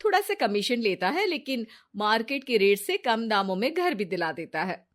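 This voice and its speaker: A woman's voice: on the high side, sing-song, moderate pace. A woman voicing a scheming, jealous young woman who talks in a sly, pushy way.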